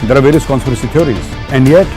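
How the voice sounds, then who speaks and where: Male news anchor, mid-range voice, rapid emphatic read over a plucked guitar bed. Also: mid-range voice. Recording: news clip with music bed.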